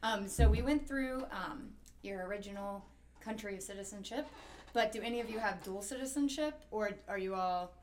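A woman's voice: mid-range voice, moderate pace, slight background noise. A young woman hosting a student podcast interview, chatty and full of fillers. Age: young adult.

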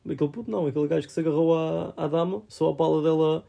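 A young man talks at a quick clip in casual, slangy chat. His voice sits slightly high and has a clear creaky fry, and he drops English words in as he goes. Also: steady tone, dark tone. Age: young adult. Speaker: film discussion podcast co-host.

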